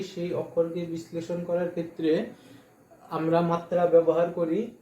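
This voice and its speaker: A man teaching an exam-prep lesson on poetic meter, explaining step by step and counting syllables aloud slowly. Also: on the high side, warm tone, roomy sound.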